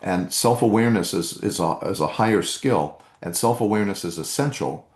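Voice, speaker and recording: Man, deep low voice, earnest coaching host, echoey room. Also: fairly quick, a little mellow. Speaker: meditation workshop host. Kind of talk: live-streamed workshop talk, reading chat comments.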